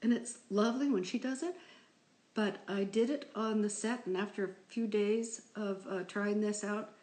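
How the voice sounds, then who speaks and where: A woman's voice: steady tone, normal speed. A middle-aged woman hosting a live stream from home, playfully reading odd words from a book and chatting, at times dropping to a whisper. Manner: playful, drifts into soft whispers and high exclaims. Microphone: phone.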